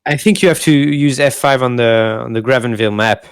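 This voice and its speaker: A man's voice: medium pitch, fairly quick, clean tone, no echo. Easygoing man chatting about a game. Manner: easygoing, hesitant with fillers. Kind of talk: casual let's play chat. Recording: faint music underneath.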